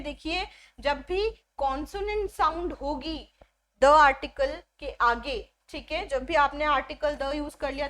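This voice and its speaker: Grammar teacher, woman, high pitched, patient step-by-step explainer who keeps checking understanding. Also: a bit bright. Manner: explains step by step, often asks "ठीक है" to check; mixes Hindi with English phrases, slows down on English examples. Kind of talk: exam-prep grammar lesson.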